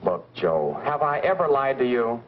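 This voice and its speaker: An American actor playing a brisk, sly newspaper reporter in a 1940s B-movie style. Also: male voice, medium pitch, big pitch swings, lightly acted. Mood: insistent. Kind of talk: 1940s B-movie film acting. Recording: muffled, noisy vintage film soundtrack.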